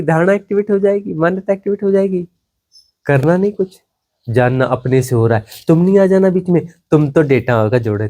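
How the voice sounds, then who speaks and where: A man giving a satsang discourse as a spiritual teacher, emphatic and repetitive, drawing phrases out and letting them sink to a hush. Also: high-pitched.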